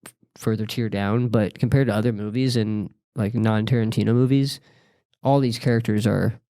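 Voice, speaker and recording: A man co-hosting a podcast, talking haltingly about a movie, with plenty of "like" and restarts. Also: on the low side, fairly even intonation, mellow, no room sound, studio quality. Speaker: podcast co-host. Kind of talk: casual movie review chat.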